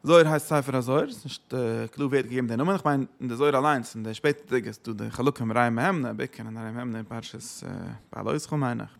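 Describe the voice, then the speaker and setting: A man teaching a religious text lesson. He asks himself questions, answers them, and hits sudden loud stresses. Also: medium pitch, fast talker, creaky, hardly any pauses. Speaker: Torah teacher.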